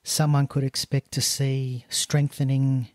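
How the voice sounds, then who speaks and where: A man's voice: mid-range voice, monotone, a little slow, darkish tone, dry recording, clean studio sound. A man hosting a casual interview, asking questions tentatively and rephrasing them as he goes. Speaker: podcast host.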